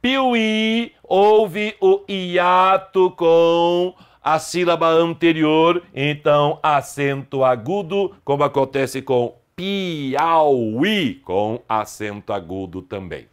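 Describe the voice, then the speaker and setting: A man's voice: fairly high pitch, takes it slowly, clear, resonant tone. A middle-aged man with a Brazilian Portuguese accent teaching an online grammar lesson, explaining emphatically and stressing example words.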